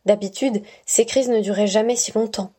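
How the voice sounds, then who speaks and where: A woman reads a short story aloud in a mellow, warm voice. Her pace is slow and measured, like a bedtime reading. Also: mid-range voice, fairly even intonation, husky. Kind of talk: scripted narration.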